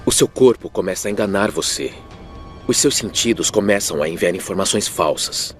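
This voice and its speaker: A brazilian male expert explaining stuff in a documentary interview, kinda low voice. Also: expressive, normal speed, over music. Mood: explanatory. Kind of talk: dubbed interview voice-over.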